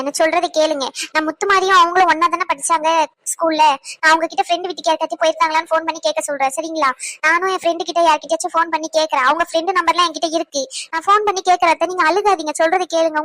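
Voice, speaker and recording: Woman doing a cartoon voice, super high, talks fast, pleading and soothing. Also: sharp tone, no echo. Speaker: cartoon voice artist. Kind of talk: animated comedy voice acting.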